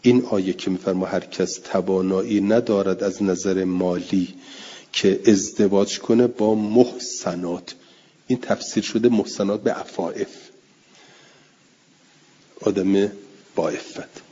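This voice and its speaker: Low, dark-voiced man teaching a text. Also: steady tone, slightly rough, long reverb tail. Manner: reads Arabic text aloud, then explains it in Persian; repeats and spells out key words slowly. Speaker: religious teacher. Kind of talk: classroom text lesson. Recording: dull lo-fi recording.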